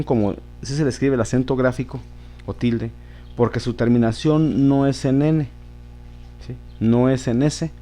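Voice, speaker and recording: Man, teacher, grammar lesson, patient, repetitive, warm mellow voice, mid pitch. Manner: patient, repeats words and checks with "¿sí?".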